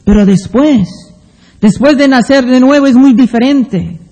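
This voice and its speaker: A man delivers a sermon in a very high but mellow voice. He speaks slowly and deliberately, pausing to read Bible passages aloud. His voice rings with a long hall reverb. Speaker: preacher. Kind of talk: sermon with scripture reading.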